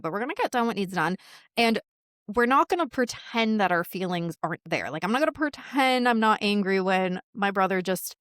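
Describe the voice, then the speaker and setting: A woman's voice: medium pitch, fairly bright tone, dry recording. A woman with a mid-range voice speaks as a podcast guest, candid and blunt, and laughs often as she talks. Her voice is recorded close and dry. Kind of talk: casual interview chat.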